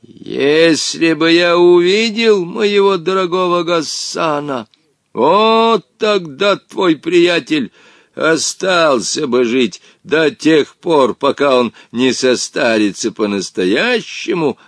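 A man voicing a vengeful ancient male genie who speaks pompously in slow, drawn-out phrases. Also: a little high, animated, no echo, clean studio sound, pitched above the performer's own voice. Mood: grand.

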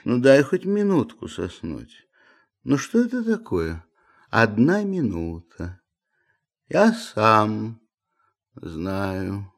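A man's voice: lowish voice, huge pitch swings, drawn-out words, long pauses, exaggerated voice. A man voicing a lazy, sleepy male landowner who grumbles peevishly at being woken. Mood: drowsy, peevish.

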